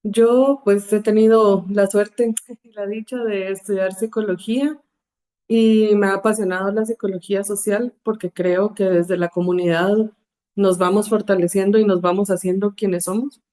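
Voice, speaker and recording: A woman from Guatemala City with a Guatemalan Spanish accent, a psychologist speaking as a podcast guest in a measured, reflective way. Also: mid-range voice, level tone, dark tone. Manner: measured, reflective, uses fillers like digamos. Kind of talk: podcast interview answer.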